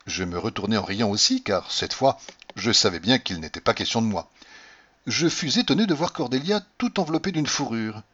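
A man narrating a classic novel as an audiobook, with expressive storytelling. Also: mid-range voice, normal speed, breathy edge. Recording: dull lo-fi recording.

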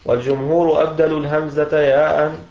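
A man reading a commentary aloud in a lesson, steady and measured, pausing at each phrase. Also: on the high side, gravelly. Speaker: student reader. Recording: dull echoey lo-fi recording.

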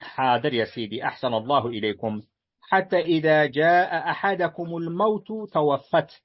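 Man reading a classical text aloud. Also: a little high. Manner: measured, deferential reading, slowing on verses. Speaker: student reading a text aloud to his teacher. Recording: dull lo-fi recording.

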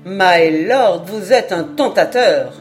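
A woman voicing an eager, absent-minded male French geographer who talks in lively, emphatic exclamations in an audiobook. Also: on the low side, takes it slowly, soft background music. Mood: excited.

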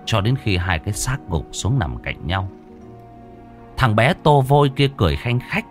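A man narrates a horror story in a vivid, expressive manner. His lowish voice swoops widely in pitch. Faint music plays beneath him. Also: normal speed.

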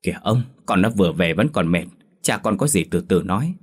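A man's voice: deep voice, animated, a little fast, husky. A man voicing a weary, hard-working mother who frets over and scolds her daughter in a Vietnamese audio story. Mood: soothing. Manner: scolding, anxious. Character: worn-out older mother, strict when pushed.

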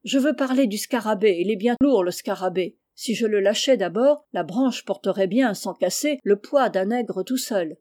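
A woman's voice: mid-range voice, normal speed, few pauses, dark tone, lightly acted. A woman reading aloud, voicing a simple, earnest old male servant who answers and protests plaintively in a story.

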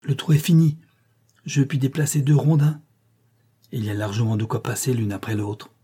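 A man reading a storybook, voicing a bold, spirited young girl who talks in a quick, determined way. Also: medium pitch, little pitch movement, dark tone, breathy edge.

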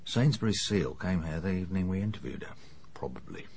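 An actor playing a middle-aged English police inspector, dry, sardonic and matter-of-fact in a radio drama. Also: male voice, low-pitched, lively intonation, a little fast, a little mellow, a little hiss or hum. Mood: briskly reporting.

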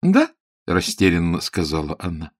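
A man narrating an audiobook with expressive storytelling. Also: low-pitched, normal speed, no echo, clean studio sound.

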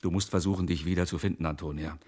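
A man's voice: sits low, steady tone, fast, a little mellow, slightly rough. An actor in a radio play, playing a jealous husband who rants, stammers and pleads with his wife. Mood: earnest. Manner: stammering, repeats "du".

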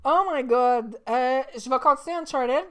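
Woman, Saguenay Québécois accent, slightly high voice, animated casual podcast chat. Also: measured pace. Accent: Saguenay Québécois French. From Saguenay, Quebec. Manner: animated, chatty, lots of fillers and restarts. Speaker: podcast co-host. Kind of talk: casual live-stream chat.

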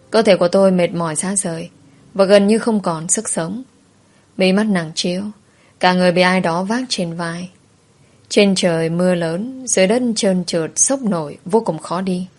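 Woman storyteller, lowish voice, slow hushed first-person telling.

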